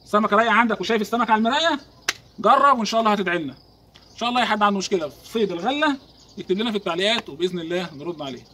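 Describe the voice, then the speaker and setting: Egyptian male angler, animated tutorial delivery, fast, slightly high, outdoor ambience. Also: a little hiss or hum. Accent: Egyptian Arabic. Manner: animated, instructive, talks to the viewer. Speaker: fishing vlogger. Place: outdoors by the water.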